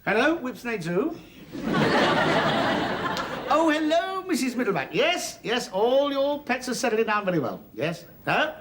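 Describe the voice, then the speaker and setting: An actor playing a fussy, harassed suburban husband in a studio sitcom, flustered and sarcastic. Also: male voice, very high voice, sing-song, measured pace, pauses often, exaggerated voice. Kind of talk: 1980s studio sitcom acting. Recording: TV studio audience laughter, noisy. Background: studio audience laughter.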